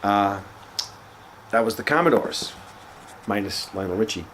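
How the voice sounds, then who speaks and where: A man with a cold talks in a low, unhurried voice that sounds slightly nasal, sniffling as he shows off records from his collection. He's relaxed and chatty, using lots of fillers, and there's a faint hiss or hum on the recording.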